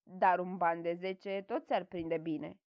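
A woman doing a grumbling town gentleman. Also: on the low side, steady tone, voice pushed down, lightly acted. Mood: gruff. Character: grumbling middle-aged town gentleman, gruff.

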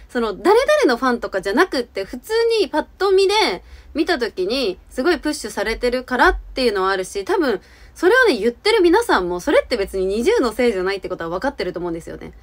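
A young woman with a fairly high voice and very lively intonation talks to her camera at a quick pace. She sounds earnest and rambles a little, softening her opinions as she goes, in a casual YouTube style. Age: 20s. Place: small indoor room with curtain backdrop.

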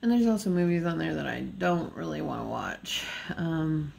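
Fresh from waking, this woman, a diamond painting vlogger, works on a craft at a table indoors, rambling nasally with fillers and small laughs. She speaks at a moderate pace in a deep, gravelly, darkish voice that stays animated.

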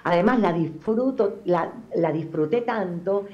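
A woman's voice: on the low side, unhurried, muffled recording. A middle-aged woman with a Venezuelan accent tinged with Argentine sounds, chatting expressively as a guest in a TV interview. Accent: Venezuelan, with some Argentine touches. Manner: chatty and expressive, many fillers. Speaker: telenovela actress, guest.

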